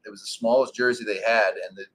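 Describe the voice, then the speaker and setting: A man in his forties, a former pro ballplayer, telling stories in a relaxed interview with lots of fillers. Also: lowish voice, fast talker, background noise. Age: 40s. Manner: relaxed storytelling with many fillers. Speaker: guest, former pro baseball pitcher. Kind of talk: casual interview.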